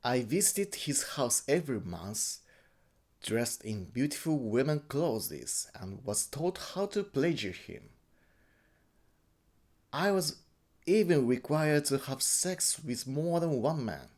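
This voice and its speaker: A man from Japan with a Japanese accent gives a personal account in halting English, often repeating and correcting words. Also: mid-range voice, big pitch swings, darkish tone. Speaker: interviewee.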